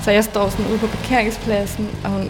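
Brief: woman, middle pitch, measured radio storyteller, faint music bed. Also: little pitch movement. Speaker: storyteller recounting a hitchhiking trip. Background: faint music under the voice.

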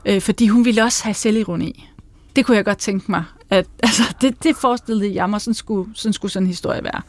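A woman author with a Danish accent, reading from her own novel in an even, measured way. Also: mid-range voice, dry recording.

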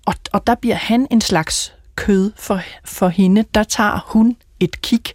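A woman hosting a book conversation, hesitant and searching, with frequent pauses to think. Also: medium pitch, darkish tone, no room sound, studio quality. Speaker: host. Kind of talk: casual literary conversation.

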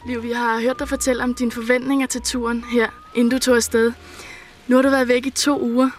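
A woman reporter asking brisk, probing questions in an old radio interview. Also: on the high side, flat delivery, faint music behind.

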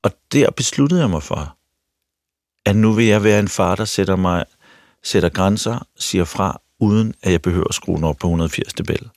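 A man's voice: sits low, darkish tone, no echo, clean studio sound. A middle-aged actor and talk show host tells a personal story frankly and openly, often stopping to restart his sentences. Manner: frank, self-revealing, with repeated restarts.

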